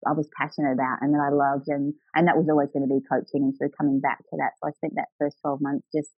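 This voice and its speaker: A woman's voice: sits low, flat delivery, fast talker, no room sound, dull audio, soft background music. A middle-aged woman telling her own story as an interview guest, earnest and reflective. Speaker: guest, grief recovery coach.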